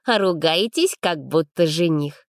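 A woman's voice: deep voice, expressive, measured pace, no room sound, clean studio sound. A woman reading an audiobook, voicing a curious, eager little boy who asks wide-eyed questions.

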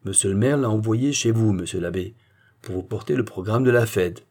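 A man voicing a calm, stubborn village philosopher who argues point by point in an audiobook reading. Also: lowish voice, normal speed. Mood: reasoning. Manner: calm, almost gentle, arguing point by point.

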